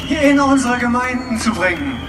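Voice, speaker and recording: A man interpreting a speech live at an outdoor rally, loud and halting, sometimes shouting. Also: very high-pitched, expressive, noisy background. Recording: distant, echoey PA with loud crowd and music.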